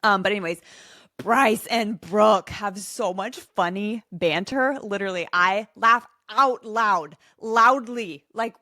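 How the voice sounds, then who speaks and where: A chatty woman hosts her own podcast, talking in a bubbly, excited rush full of little asides. Her voice sits at an ordinary middle pitch. The recording is close and dry, with no room sound. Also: slow, no room sound. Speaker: podcast host. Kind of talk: solo podcast chat.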